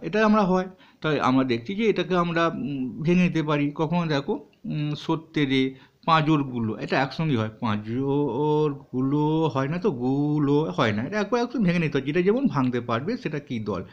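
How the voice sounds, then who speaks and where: Lively-voiced man teaching, lo-fi. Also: a little high, fairly quick. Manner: patient, spells words out syllable by syllable. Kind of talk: classroom explanation for students. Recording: dull lo-fi recording.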